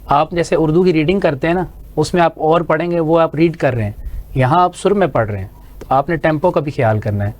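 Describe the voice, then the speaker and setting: A man's voice: on the high side, a little mellow. A man judging a children's recitation contest on a studio show, patiently correcting their pronunciation.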